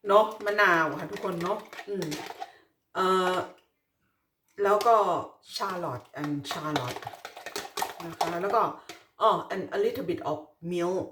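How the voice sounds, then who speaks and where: A middle-aged woman from Thailand chatting casually while cooking at home, switching between Thai and halting English and stumbling over some English words. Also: medium pitch. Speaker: cooking vlogger. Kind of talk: casual cooking vlog chat. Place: home kitchen. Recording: echoey kitchen with clear background noise.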